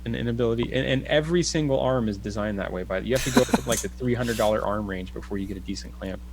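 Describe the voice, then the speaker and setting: A man's voice: fairly low pitch, fast, slight background noise, rough recording. A man in a casual video-call conversation who reasons aloud, restarting phrases and checking in with "right?". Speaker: guest.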